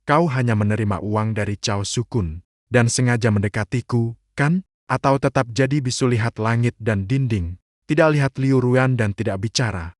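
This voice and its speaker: A man's voice: mid-range voice, normal speed, no room sound, close to an everyday voice. A man voicing a hurt, possessive young woman who questions her partner bitterly, with a dry sound. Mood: hurt accusing.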